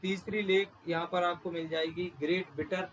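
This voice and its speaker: Man, teacher, map lecture, slightly high voice, repeats names slowly, faint background noise. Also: steady tone, fairly bright tone, rough recording. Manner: slow, repeats and spells out place names. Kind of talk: exam-prep map lecture.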